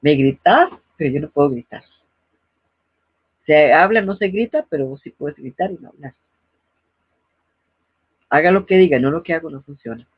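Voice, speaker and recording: A middle-aged woman hosts a parenting advice talk in a low-pitched, husky voice, teaching in a didactic way and occasionally acting out scolding parents. The recording is dull, lo-fi and dry, with no echo.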